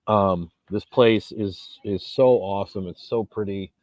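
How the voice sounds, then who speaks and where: A little slow and slightly mellow, this lowish male voice belongs to a forties-aged vlogger and gym owner talking casually outdoors on a beach. He rambles emphatically and restarts often; there's no echo.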